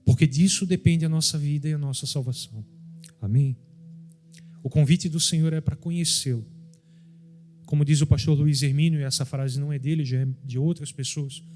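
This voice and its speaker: A man's voice: mid-range voice, a little mellow. A middle-aged man preaching a sermon, emphatic and addressing his listeners directly. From southern Brazil.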